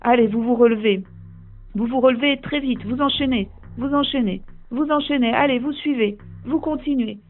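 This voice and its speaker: A woman's voice: a little high, normal speed. A woman leading a guided sports visualization, urging listeners on with repeated short commands. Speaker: coach guiding a visualization. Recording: tinny phone-like line with faint music.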